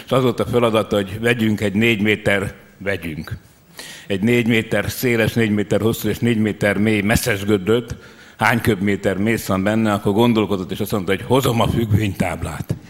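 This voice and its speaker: A man's voice: on the low side, steady tone. A man telling a playful anecdote in a mock-formal, teacherly manner.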